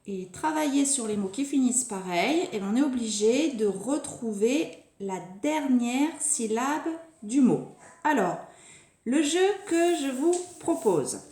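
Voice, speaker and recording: Slow, lilting teacher in an echoey room. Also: female voice, fairly high pitch, lively intonation, dark tone. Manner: slow, deliberate, stretching out words for small children. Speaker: preschool teacher. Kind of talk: recorded phonics lesson for young children.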